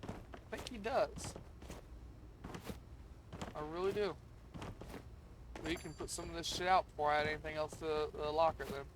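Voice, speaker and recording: A man's voice: on the high side, moderate pace, pauses often. A tired man streaming a video game, rambling to himself as he plays and explains his plans. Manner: rambling, talks to himself while playing. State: tired, yawning. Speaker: gaming streamer. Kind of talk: casual gameplay commentary. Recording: steady background noise.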